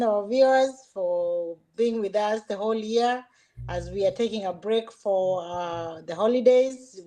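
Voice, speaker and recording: A woman hosts with a slow, unhurried delivery. She pauses often and feels her way through unscripted thanks and sign-offs to the audience. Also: medium pitch, mellow, low-quality recording. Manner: hesitant, pausing often. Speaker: host.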